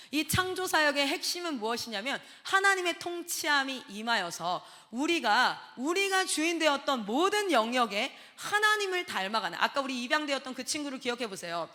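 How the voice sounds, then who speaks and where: A woman missionary giving a sermon, telling stories in a lively way and acting out the dialogue. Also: sits high. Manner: lively storytelling that acts out dialogue. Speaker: missionary preacher. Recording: long reverb of a hall.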